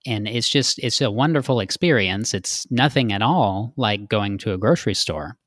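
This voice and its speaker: A man's voice: fairly low pitch, moderate pace, a bit bright, dry recording, studio quality. A man from Texas, a guest in a casual interview, explaining earnestly with frequent fillers.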